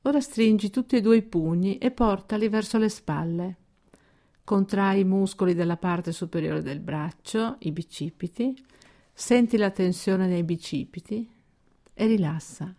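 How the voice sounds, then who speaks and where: A woman guides a progressive muscle relaxation exercise as a scripted narration, giving calm, measured instructions with deliberate pauses. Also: mid-range voice.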